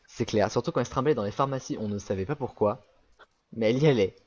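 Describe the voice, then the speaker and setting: A man's voice: mid-range voice, fast, a little mellow, lo-fi sound. A young French man rambling through a casual travel anecdote, full of fillers and restarts. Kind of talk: casual storytelling chat.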